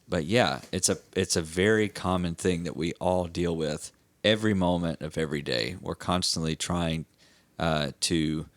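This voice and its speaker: A man with a very low voice hosts a relaxed church podcast. He is upbeat and joking as he introduces the topic. The recording is close and dry. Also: dry recording. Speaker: host. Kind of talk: casual podcast chat.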